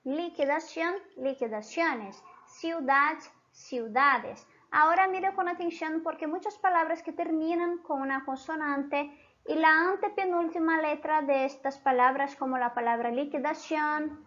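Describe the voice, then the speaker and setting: A woman's voice: high voice, fairly bright tone, dull audio. A woman teaching Spanish to Portuguese speakers, whose first language is Portuguese, who keeps checking in with "¿sí?" and "entonces". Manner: switches between Spanish and Portuguese. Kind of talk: online language lesson.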